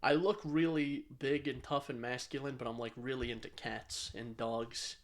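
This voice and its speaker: Here's another male podcast co-host, mid-range in pitch with fairly even intonation and a normal pace. He rambles through casual banter, swears without restraint, and tends to run himself down.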